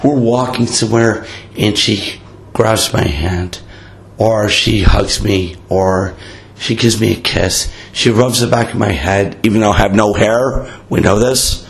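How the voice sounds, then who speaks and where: A middle-aged man with a raspy, worn-out voice hosts a show in a casual, rambling monologue, blunt, profane and self-mocking. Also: lowish voice, unhurried. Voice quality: raspy, hoarse. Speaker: podcast host.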